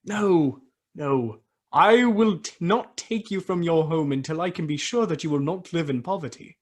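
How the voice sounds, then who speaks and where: An actor in a radio play voicing Ebenezer Scrooge as an anguished, defensive man who cares for money, with a husky, earnest delivery. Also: medium pitch, normal speed, darkish tone, lightly acted. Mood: anxious, earnest. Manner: earnest, pleading, dramatic.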